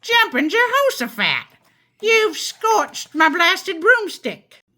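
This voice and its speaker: A woman voicing a cranky old witch who shouts and grumbles, her voice croaking and screechy. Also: very high voice, sing-song, slow pace, voice pushed up, full character voice. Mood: furious.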